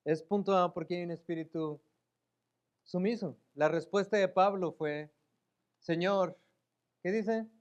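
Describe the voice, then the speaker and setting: Emotional male preacher, high voice, muffled lo-fi sound. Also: steady tone, moderate pace, clear, resonant tone. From Mexico. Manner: emotional, acts out pleading voices, rises to loud emphatic peaks. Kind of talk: sermon. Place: church sanctuary.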